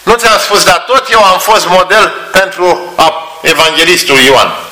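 A man's voice: high voice, lively intonation, sharp tone, pitched above the performer's own voice, full character voice. A preacher voicing a crying, remorseful drunk man who laments his fallen soul. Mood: grieving. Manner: lamenting, self-reproaching. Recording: roomy echo.

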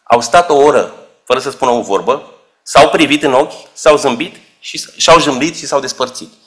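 A man's voice: medium pitch, fairly bright tone. A man preaching a sermon, explaining scripture with rhetorical questions and shifting emphasis.

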